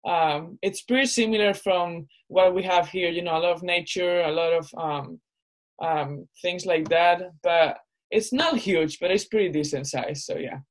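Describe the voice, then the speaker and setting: A young woman from northern Spain, a college basketball player whose first language is Spanish, chats casually as a podcast guest in an interview. She speaks a little slowly in a lowish voice, relaxed and conversational, with many fillers like "you know," and the recording quality is low.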